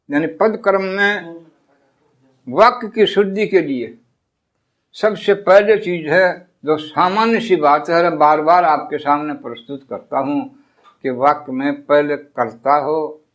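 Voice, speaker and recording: A man teaching a grammar lesson in a fairly high voice, speaking slowly and deliberately. He explains point by point with pauses, stumbles into the odd restart and reads out example sentences. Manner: hesitant restarts and filler sounds.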